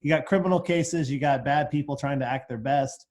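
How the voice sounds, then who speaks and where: Guy lawyer on a podcast, kinda high voice, acts out the questions in his stories. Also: a little fast. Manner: animated, acts out courtroom questioning. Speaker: family law attorney, podcast co-host. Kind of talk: casual storytelling chat.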